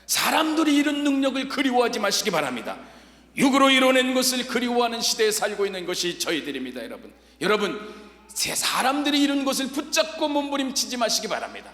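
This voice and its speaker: A man preaching a revival sermon in a large church, his voice high, bright and lively, ranging from quiet storytelling to shouted exhortation. The long reverb of the sanctuary rings around every phrase. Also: quick pace. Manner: dramatic storytelling, swings from hushed to shouted. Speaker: pastor. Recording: echoey church hall reverb.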